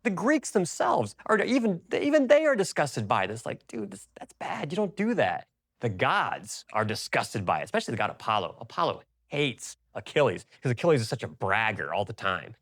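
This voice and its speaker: Sex: male. Role: history teacher. Style: dramatic storytelling, swinging up and down in pitch. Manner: chatty, slangy asides. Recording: dry, close. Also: fairly quick, few pauses, no room sound. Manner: chatty, animated, colloquial asides.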